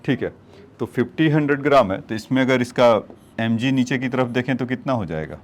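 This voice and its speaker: A man's voice: mid-range voice, animated, fairly quick. A male physics teacher working through problems on a board, explaining each step and addressing his students as children. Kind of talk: whiteboard problem-solving lecture.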